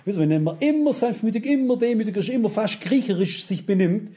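Blunt high-voiced male preacher. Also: animated, brisk, mellow. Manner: blunt and emphatic, addresses listeners with rhetorical questions; quotes scripture references. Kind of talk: sermon to a congregation.

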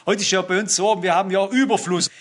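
A man's voice: high voice, steady tone, fast talker, a bit bright. A man preaching a sermon, earnestly addressing his listeners and citing Bible verses.

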